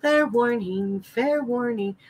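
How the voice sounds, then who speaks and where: A woman co-hosting a live coin auction, playful and quick to laugh. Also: fairly high pitch, slight background noise, poor audio. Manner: slow, playful, laughs often. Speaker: auction co-host. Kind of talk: casual live auction banter.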